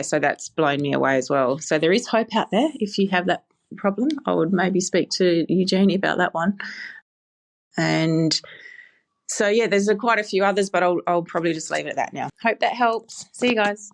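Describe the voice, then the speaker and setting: Woman in her 40s, lowish voice, just chatting plainly about her story. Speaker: podcast guest giving a testimonial. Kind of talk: casual recorded testimonial.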